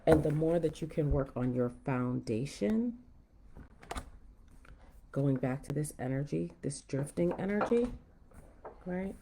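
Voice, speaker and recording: Woman w low voice doing mystical horoscope card reading, chatty, bit of noise n clicks at home. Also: animated, a little slow, long pauses. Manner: musing aloud, checking in with "right?". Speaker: tarot reader hosting a forecast. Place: at home, indoors.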